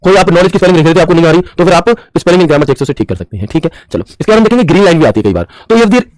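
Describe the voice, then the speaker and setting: Fast-talking man teaching with quizzing repeats. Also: on the high side, animated, darkish tone, dry recording, low-quality recording. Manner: repeats questions to the class and answers them; mixes English terms into Hindi, calls students bhaiya. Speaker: computer teacher. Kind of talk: screen-share tutorial lesson.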